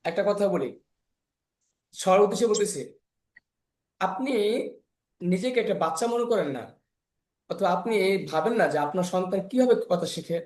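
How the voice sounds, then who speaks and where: Guy teaching english on a video call, keeps repeating stuff to encourage everyone, higher voice, echoey room. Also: normal speed, long pauses, a little mellow. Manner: encouraging, repetitive lecturing with examples. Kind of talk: online spoken English class.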